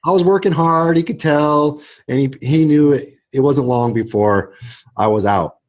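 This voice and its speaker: A middle-aged man, a real estate agent, talking casually as an interview guest, animated and full of quick restarts. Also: a little high. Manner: animated storyteller, many restarts and "right?" tags.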